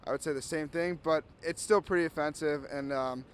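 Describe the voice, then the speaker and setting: A young man offers a hesitant opinion in a street interview. His voice sits fairly high, with light city noise behind him. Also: fairly even intonation, a little fast.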